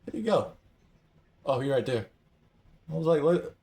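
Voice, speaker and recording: A young man giving excitable live commentary while playing a game, swinging from hushed mumbling to yelling. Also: a little high, normal speed, creaky. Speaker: gamer.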